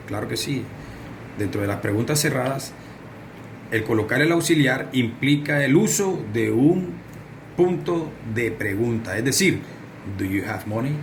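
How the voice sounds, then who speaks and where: Guy teaching english grammar on video, talks straight to the students, a bit of faint noise behind. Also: medium pitch. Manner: explanatory, addresses students directly. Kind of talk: recorded video lesson.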